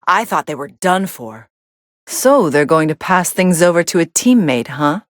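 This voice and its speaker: A woman's voice: on the low side, sing-song, a little slow, dry recording. A woman playing a cool, sardonic young female android fighter commentating matches in an anime video game, with a dry, sarcastic delivery. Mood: dry, mildly impressed.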